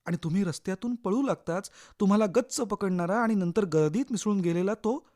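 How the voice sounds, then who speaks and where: A man narrating a thriller audio story in the second person, shifting between hushed tension and urgent outbursts. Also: high voice, a little fast.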